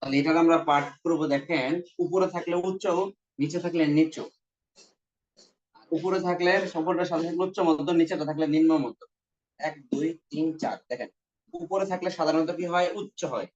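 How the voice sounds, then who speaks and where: A man with a Bangladeshi Bengali accent teaches an exam-prep grammar lesson, coaxing his students, repeating points, and sounding vowels out aloud. His voice is a little high and a little mellow, at a normal pace. The recording is dull and lo-fi.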